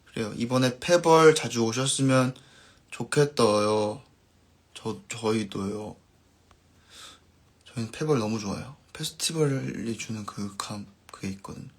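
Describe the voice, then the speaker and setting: Chatting casually on a live stream, a man from a band reads comments from his viewers, his sentences drifting softly to a close. He has a medium pitch and talks a little slowly.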